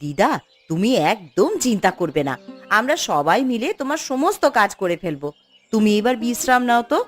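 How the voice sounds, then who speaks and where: A woman's voice: mid-range voice, lively intonation, brisk, faint music behind, lightly acted. A woman voicing young village sisters in a cartoon, whiny and pleading. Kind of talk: cartoon voice acting.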